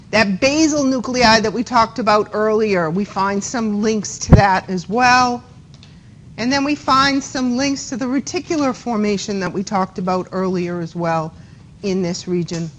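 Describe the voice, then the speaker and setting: A woman with a Boston accent lectures a class on anatomy, her voice pitched high. She keeps it chatty and stops to quiz her students. A faint hiss of classroom noise sits behind her. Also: fairly bright tone, poor audio. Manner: chatty, checks in with students by asking questions. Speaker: anatomy instructor.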